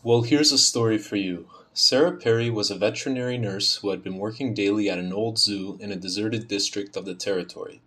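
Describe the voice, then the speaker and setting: A young adult university student recorded for a dialect archive reads a set passage evenly and carefully, then gives a casual self-introduction that turns hesitant and full of fillers. Born in Bosnia and raised in Ontario, Canada, speaking Serbian, he has a Canadian accent with a faint Serbian touch; his voice is on the low side, a little fast, with few pauses.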